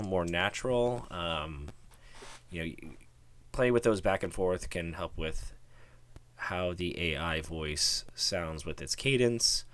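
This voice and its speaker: A man hosting a software tutorial, talking casually through his screen recording with lots of ums and restarts. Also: low-pitched. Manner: relaxed, rambling, many ums and restarts. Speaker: tutorial host.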